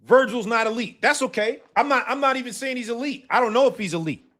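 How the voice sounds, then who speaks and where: Very high-pitched and fast, this male host of a live boxing talk stream speaks casually and emphatically. He keeps repeating his points, swears, and erupts into shouts.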